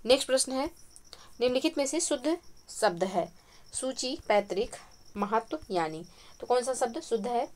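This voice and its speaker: Woman teacher, quiz lesson, steady explanatory tone, recorded at home at night, insects chirping outside. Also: on the high side, fairly quick. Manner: steady explanatory, repeats answers for emphasis. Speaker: Hindi exam-prep teacher.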